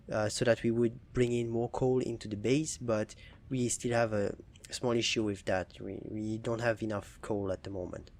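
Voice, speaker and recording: With a voice on the low side, this young gaming channel host casually comments over footage of his own play. He sounds relaxed but unsure, frequently using fillers and restarting sentences.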